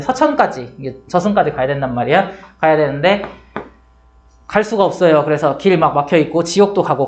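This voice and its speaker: A man's voice: a little high, muffled recording. A man in his forties giving a classroom literature lecture, chatty, acting out quotes in changed voices. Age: 40s. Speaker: Korean literature teacher.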